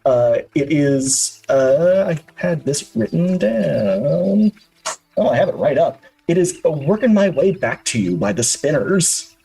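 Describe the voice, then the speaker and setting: Husky-voiced game master narrating. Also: male voice, mid-range voice, expressive, a little slow, few pauses, dark tone, poor audio. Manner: descriptive, with frequent uhs and restarts.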